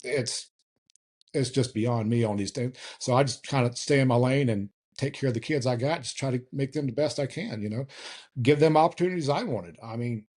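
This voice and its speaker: An older man with a soft Southern US accent, a strength coach ranting in a rambling way in a casual podcast chat. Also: medium pitch, fairly quick. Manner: rambling, ranting delivery with restarts.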